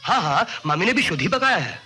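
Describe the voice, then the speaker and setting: A tender coaxing young man, expressive lively voice, film music behind. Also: high-pitched, fast, full character voice. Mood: teasing. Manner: coaxing, teasing, soft-spoken. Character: gentle devoted young man, playful and tender. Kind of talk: 1980s film dialogue. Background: film score.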